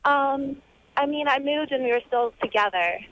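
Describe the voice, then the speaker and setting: A woman's voice: sits high, normal speed. A woman of twenty-one confiding casually as a caller to a radio show over the telephone. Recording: dull telephone line.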